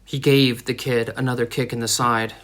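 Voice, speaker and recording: A man reading a dramatic story aloud as an audiobook narrator, in a steady storytelling manner. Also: mid-range voice, moderate pace. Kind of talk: scripted narration.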